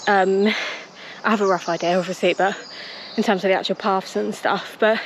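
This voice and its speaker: Out jogging on trails, a British woman chats casually to the camera for her running vlog, speaking at normal speed with a medium-pitched, steady voice. Loud outdoor ambience fills the recording.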